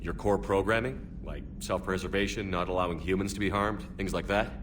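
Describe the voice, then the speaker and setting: A man's voice: deep voice, steady tone, a little fast, distant mic, noisy background, natural voice. An actor playing a firm, dry military starship commander in a video game, terse and authoritative as he questions. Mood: firm, guarded. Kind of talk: scripted sci-fi video game dialogue.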